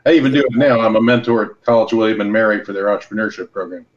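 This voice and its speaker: A middle-aged American man from Los Angeles and Hawaii appears as a podcast guest, casually explaining business in plain, colloquial terms and leaning on anecdotes. His voice sits fairly low and moves very fast. The audio sounds dull.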